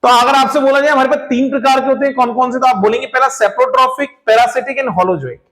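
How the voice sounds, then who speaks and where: High-voiced male teacher quizzing his class. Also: steady tone, fairly quick, fairly bright tone. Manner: asks the class rhetorical questions and repeats key points; addresses students as children. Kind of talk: classroom lecture.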